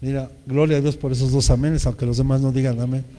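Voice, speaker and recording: A man's voice: mid-range voice, level tone, quick pace, mellow, long reverb tail, a little hiss or hum. A man with a Mexican accent preaching a sermon as pastor, speaking earnestly and addressing the congregation directly. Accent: Mexican Spanish.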